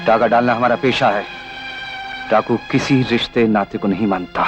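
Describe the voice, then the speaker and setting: An actor playing a stern, proud bandit chief who speaks in curt commands, in 1980s film acting. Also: male voice, lowish voice, steady tone, moderate pace, over music, natural voice. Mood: commanding.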